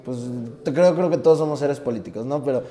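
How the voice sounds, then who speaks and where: Young man, Mexican accent, mellow warm voice, earnest reflective storytelling. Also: mid-range voice, quick pace. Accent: Mexican Spanish. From Tabasco, Mexico. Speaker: guest, rapper. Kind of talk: casual interview storytelling.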